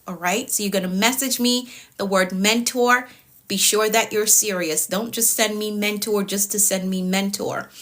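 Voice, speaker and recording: Woman, late 30s, productivity coach doing a live stream, bright tone, firm and repetitive delivery. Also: medium pitch. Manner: repetitive, firm, tags lines with okay.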